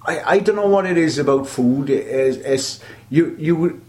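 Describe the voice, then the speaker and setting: Dark in tone yet a little high, this expressive male voice moves at normal speed. An older veteran butcher with a South Wales Valleys accent, he reminisces as an interview guest, chatty and rambling, with repeated starts.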